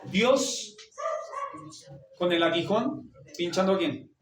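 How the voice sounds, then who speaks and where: Male pastor, high voice, sermon recorded from far off in a roomy hall. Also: lively intonation, takes it slowly, crowd noise. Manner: asks the congregation questions and answers them. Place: church hall. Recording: roomy church hall, mic far off, faint noise.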